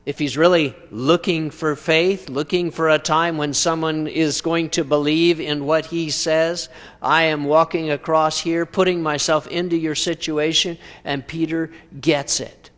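A preacher giving a conversational sermon, asking rhetorical questions with dry humor. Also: male voice, a little high, fairly even intonation, unhurried, a bit bright, in a large hall. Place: church sanctuary.

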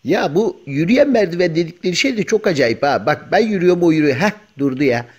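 Guy doing a chatty cheeky house cat, kinda high voice, grumbles and jokes nonstop. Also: animated, fast talker, breathy edge. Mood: grumbling. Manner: colloquial, joking, full of exclamations. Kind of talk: comic voice-over dubbing of pet videos.

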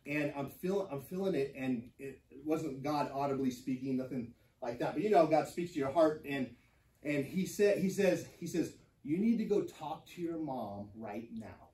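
A man's voice: on the high side, warm tone. A man teaching a church Bible class, telling a personal story with many ums and restarts. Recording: echoey room, mic from far off.

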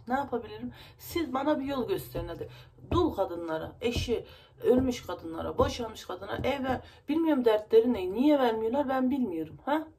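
With a nose stuffed up from crying, a woman vlogger rambles emotionally as she vents to her viewers in casual talk. Her voice is on the high side and darkish in tone.

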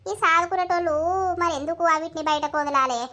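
A woman with a Telangana accent voicing a quarrelsome village mother in a cartoon, scolding in rapid retorts. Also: very high-pitched, bright, forceful tone. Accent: Telangana Telugu. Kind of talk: animated cartoon voice acting.

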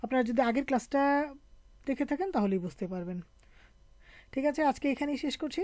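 A woman's voice: sits high, expressive, brisk, darkish tone, no room sound. Patient woman teaching French pronunciation. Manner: patient, explains letter by letter. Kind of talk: online language lesson.

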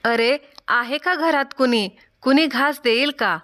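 A woman's voice: mid-range voice, moderate pace, a bit bright, close to an everyday voice. A woman voicing an old beggar woman who scolds with stern, rebuking words in a told folk tale. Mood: calling out.

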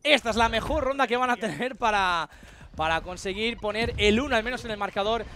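Bright, high-voiced male esports caster. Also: brisk. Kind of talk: esports match commentary.

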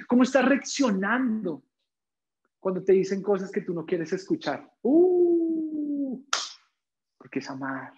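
A young man preaching a sermon as pastor, firing rhetorical questions and dropping to a hush when quoting Jesus. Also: sits high, lo-fi sound. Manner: drops to soft, quiet tones when quoting Jesus.

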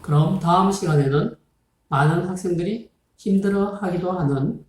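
A math teacher giving a recorded lesson, explaining slowly and patiently, reading numbers out digit by digit and politely asking viewers to try. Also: mid-range voice, a little mellow. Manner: polite formal speech, asking viewers questions. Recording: roomy, echoey room sound.

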